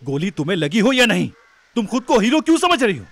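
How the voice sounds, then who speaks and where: एक अभिनेता एक गुस्सैल, ज़िद्दी जवान पति का किरदार निभाता है, ऊँची और तेज़ बहस करता हुआ।. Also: male voice, mid-range voice, fairly quick, no room sound, lightly acted. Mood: angry. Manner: shouting, forceful, argumentative. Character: hot-tempered young husband, proud and stubborn. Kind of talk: television drama acting.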